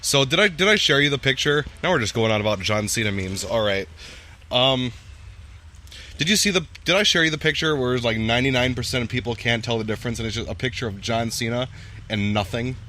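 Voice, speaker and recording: A man's voice: mid-range voice, expressive, a little fast, sharp tone. A man hosting a podcast outdoors on a patio, chatting casually and rambling, often restarting his sentences. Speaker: podcast host. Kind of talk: casual chat.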